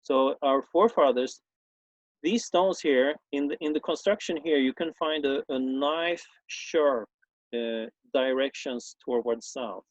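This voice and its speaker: A former schoolteacher and native Swedish speaker from Sweden, accented accordingly, offers a halting, informal explanatory talk crowded with fillers and frequent restarts. His voice is mid-range, and the recording is dry and muffled.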